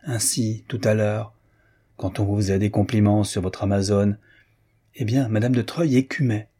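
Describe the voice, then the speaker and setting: A man's voice: on the low side, fairly even intonation, normal speed, mellow, slightly rough. A man voicing a chatty, teasing aristocratic Parisian woman in an audiobook, with a mocking, gossiping manner. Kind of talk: audiobook reading.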